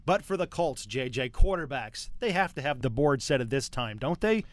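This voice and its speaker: A man's voice: medium pitch, lively intonation, moderate pace, dry recording. A man hosting a casual sports podcast, chatty and teasing, often restarting his sentences. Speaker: podcast host.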